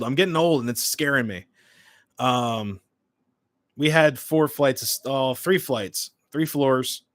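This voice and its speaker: A man in his late twenties speaks as a livestream host in an informal, chatty way. His voice sits at an average pitch with very little room sound. He moves between short remarks and replies to comments. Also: no room sound, studio quality. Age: late 20s. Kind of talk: casual livestream chat, reading and answering comments.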